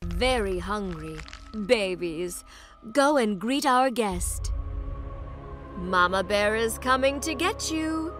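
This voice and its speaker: A woman's voice: mid-range voice, expressive, slow pace, a bit bright, soft background music. A woman voicing a menacing monster mother bear in a video game, motherly and threatening. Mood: sinister, menacing. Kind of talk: video game villain voice acting.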